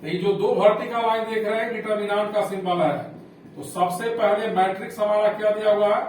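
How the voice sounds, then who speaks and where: A man with a fairly high voice works through a maths lesson, going step by step and asking questions back to his class. He sounds some way from the microphone, and the room rings with strong echo. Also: steady tone, brisk, a little mellow. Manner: explains step by step, repeats and asks rhetorical questions. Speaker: maths teacher. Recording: echoey room, heard from a distance, faint hum.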